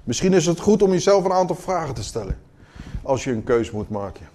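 Man, preacher, sermon, earnest, questioning, higher voice. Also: big pitch swings, a little fast. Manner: earnest, questioning, swings between quiet and emphatic.

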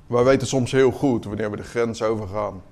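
A man preaching a sermon in an earnest, questioning way, moving between quiet moments and emphatic ones. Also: medium pitch, steady tone, fairly quick.

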